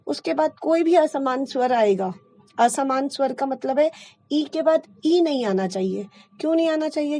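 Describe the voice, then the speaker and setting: A woman's voice: high-pitched, warm tone, no room sound. A woman teaching a Hindi grammar lesson, explaining step by step and often checking in with her class.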